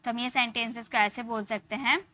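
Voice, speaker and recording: A young Indian woman teaching a live spoken-English class, explaining in Hindi and slowly spelling out English example sentences. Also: fairly high pitch, fairly even intonation, bright, forceful tone.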